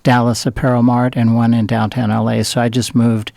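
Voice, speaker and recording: A man's voice: mid-range voice, completely flat delivery, brisk, vocal fry, a little mellow, no echo. An older man from Southern California, a guest in an interview, telling rambling stories with many fillers and restarts. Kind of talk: interview storytelling.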